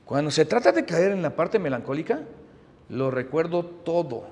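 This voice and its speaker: A middle-aged man, preaching a sermon, animated, moving between loud emphasis and hushed asides. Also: a little high, normal speed, in a large hall. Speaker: pastor.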